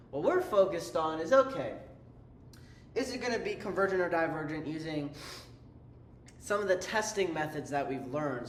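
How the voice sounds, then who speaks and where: A man's voice: on the high side, a bit bright. A man teaching a calculus lesson in a casual, chatty way, breaking off mid-sentence and tossing in playful asides. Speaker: math tutor. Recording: roomy echo, faint ambient noise.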